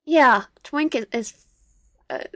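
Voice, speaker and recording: Slow, dry-sounding woman reading a game aloud. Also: high voice, sharp tone, no room sound. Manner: stumbling reading with restarts and chatty asides. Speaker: gameplay narrator. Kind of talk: reading a visual novel aloud with asides.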